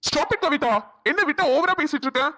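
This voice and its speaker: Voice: sits high, moderate pace, over loud music. A voice actor playing an earnest, protective young man in a cartoon, speaking firmly and with passion. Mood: indignant. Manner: firm, passionate. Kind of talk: cartoon voice acting.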